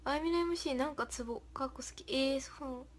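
A woman's voice: high voice, fast talker. A young woman hosting a casual livestream, reading viewer comments aloud, thanking them, and giggling often. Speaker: idol livestream host.

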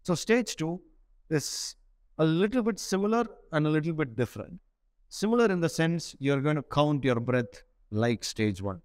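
Guy in his 40s teaching breathing to camera, short phrases, medium pitch, really dry lapel mic sound. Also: dry recording. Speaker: breathing meditation instructor. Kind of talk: spoken instructional lesson to camera. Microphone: clip-on lapel mic.

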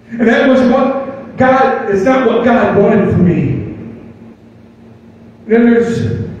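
Older male pastor, folksy sermon, raised pitch, distant mic with faint room noise. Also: a little mellow. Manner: folksy preaching with rhetorical questions. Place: church sanctuary. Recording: distant mic in a reverberant hall with faint ambience.

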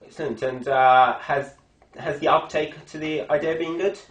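A man's voice: a little high, fairly even intonation, moderate pace, fairly bright tone, lightly acted. A young man playing an earnest TV reporter, in the manner of a parody news anchor. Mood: polite interviewing. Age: young adult. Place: indoor hospital ward, camera microphone at a distance. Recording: echoey room, distant microphone.

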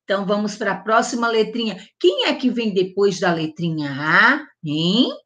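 A woman teacher giving a gentle vowel lesson to young children, drawing out each sound and often checking in with the class. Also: medium pitch, expressive. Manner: slow, drawn-out enunciation with diminutives and check-ins; stresses and stretches the vowel sounds loudly. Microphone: close mic, online class recording.

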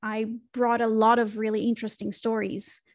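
A woman's voice: a little high, flat delivery, moderate pace, no echo. A woman, a podcast guest reflectively telling her career story with fillers and restarts, speaking into a studio microphone on a video call from a small home room. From Israel. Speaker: podcast guest, marketing consultant. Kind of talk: casual interview conversation.

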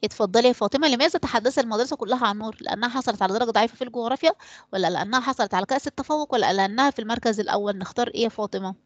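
A woman's voice: a little high, very fast, dry recording, dull audio. A woman teacher with an Egyptian accent running an online class, quizzing pupils by name and leaving blanks in her sentences for them to fill in. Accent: Egyptian Arabic. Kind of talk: online class quiz and explanation.

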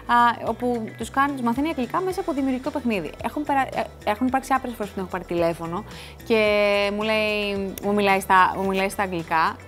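A female TV show host chats casually to the camera in a studio, rambling along with plenty of asides and restarts. She has a medium-pitched, somewhat bright voice, and faint music plays behind her.

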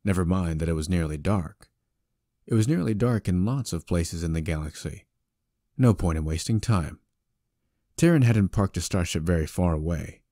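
A male narrator tells a story with a wry, conversational delivery. His voice is deep and mellow, and it is recorded close and dry. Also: lively intonation, normal speed, no echo. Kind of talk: scripted audiobook narration.

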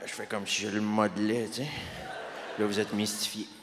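A man doing stand-up comedy with a Québécois French accent, delivering punchy deadpan one-liners. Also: lowish voice, normal speed, noisy background. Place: large theatre stage. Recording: long hall reverb, loud audience.

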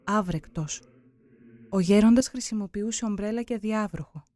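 A narrator giving a solemn, measured scripted reading for a religious documentary. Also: medium pitch, dark tone.

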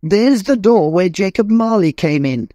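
Scrooge, a high-pitched emotional old miser, as a man puts him on. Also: a little slow, darkish tone, dry recording, studio quality. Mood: overjoyed. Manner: emotional, pleading, exclamatory. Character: old man Scrooge, repentant, desperate then overjoyed. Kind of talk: storybook reading.

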